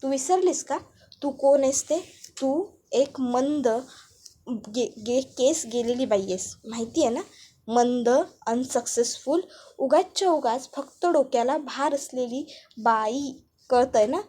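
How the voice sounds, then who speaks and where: Mocking villain lady, high voice, threatening, woman doing the voice. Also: slow pace, mellow. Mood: scornful. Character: scheming spiteful woman villain, taunting.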